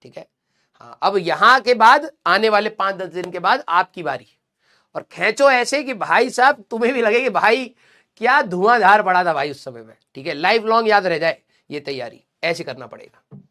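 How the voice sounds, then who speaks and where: A man teaching exam students, giving a motivational talk in a blunt, scolding yet affectionate way, often checking in with "clear?" and "theek hai", mixing in English. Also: sits high, expressive, moderate pace, pushed and bright.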